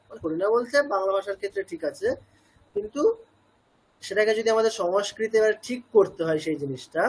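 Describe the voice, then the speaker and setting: A man with a Bengali accent teaches a pronunciation class, talking it through step by step and often turning questions back to his listeners. His voice sits high for a man and has a breathy, husky edge. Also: poor audio. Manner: explains slowly, asks the class questions, mixes in English words. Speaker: Sanskrit chanting teacher. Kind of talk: classroom lecture.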